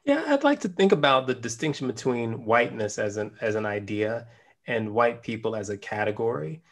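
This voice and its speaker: A man's voice: mid-range voice, animated, moderate pace. A man hosting a conversation, asking reflective questions and thinking aloud, on a video call from a home study. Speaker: professor, host. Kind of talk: interview questions. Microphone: desk microphone on a video call.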